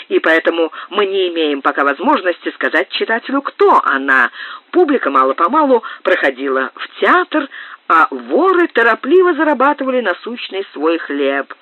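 Man narrating a lively, theatrical audiobook. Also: a little high, dry recording. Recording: dull, dry lo-fi sound.

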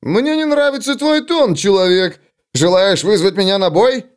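A man puts on a brash young dwarf warrior who booms every line in a raised, loud voice. He is boastful and quick to take offence, and his delivery swings all over the place. An audiobook character voice. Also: animated. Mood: indignant.

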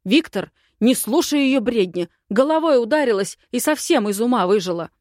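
A woman's voice: mid-range voice, moderate pace, no echo, clean studio sound, natural voice. A woman doing a blustering old man. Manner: shouting, blustering. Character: grumpy old bald male court elder, stubborn.

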